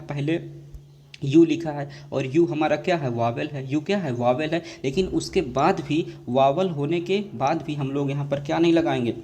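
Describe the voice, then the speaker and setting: A man's voice: fairly high pitch, dark tone. A man teaching English grammar to students in a classroom lecture. He keeps asking his own questions and answering them, repeats each point, and calls the students dear children. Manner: repetitive call-and-response drilling, addresses students as dear children.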